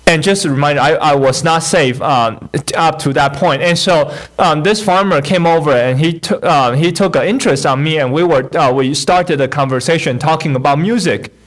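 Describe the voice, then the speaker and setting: A young man from Taiwan with a Taiwanese accent sharing his personal testimony at a church service, halting with fillers and restarts and a touch of humor. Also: a little high, fairly bright tone. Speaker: guest speaker.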